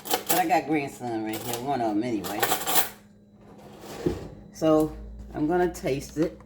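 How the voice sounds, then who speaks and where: A woman's voice: rumbling low, expressive, measured pace, noisy background. An older woman chatting through a casual home cooking vlog, savoring her food with hums. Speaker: cooking vlogger. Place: home kitchen. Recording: echoey kitchen with clattering dishes.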